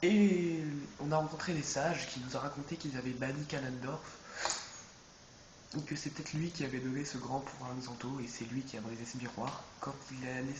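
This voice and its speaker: This let's play commentary comes from a congested man with a mid-range voice who talks briskly in a steady tone. He chats and rambles casually, often self-correcting, in an echoey room with noise behind him.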